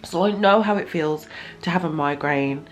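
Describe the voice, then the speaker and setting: A woman's voice: sits low, normal speed, faint music behind. A young woman talking candidly to camera in a casual vlog, emotional and chatty. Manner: chatty, emotional and candid, close to tears at times. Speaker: vlogger.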